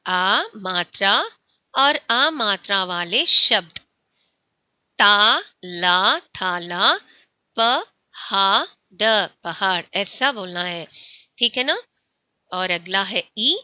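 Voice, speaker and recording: A woman teaching a school Hindi lesson, saying words slowly, repeating them and often checking that her students follow. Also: medium pitch, pushed and bright, dry recording.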